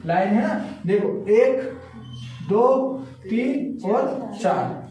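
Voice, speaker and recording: A man's voice: high-pitched, expressive, very slow, crowd noise. A man teaching a classroom lesson, counting aloud and constantly checking with his students through repeated questions. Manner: repetitive, keeps asking "है ना?" and counting aloud. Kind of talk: classroom lesson with call-and-response. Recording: echoey classroom from far off.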